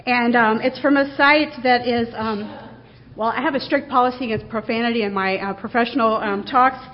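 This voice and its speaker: A woman with a fairly high voice presents to a faculty audience in a conversational way. She is earnest and leans hard on the words she wants to stress. The recording sounds dull and lo-fi. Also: moderate pace. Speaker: university administrator giving a faculty talk.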